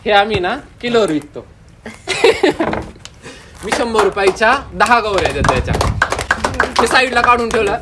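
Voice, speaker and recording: A young man from Dindori, a farmer, talking in a casual interview and telling lively stories about his customers. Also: high-pitched, measured pace, pauses often, heavy background noise. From Dindori, Maharashtra. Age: young adult. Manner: lively storyteller, acts out customers' remarks.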